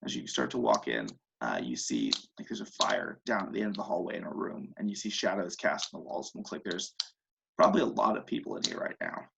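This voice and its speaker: A man's voice: sits low, expressive, fast talker, vocal fry, background noise. A man running a tabletop game as game master, narrating loosely with many fillers and restarts.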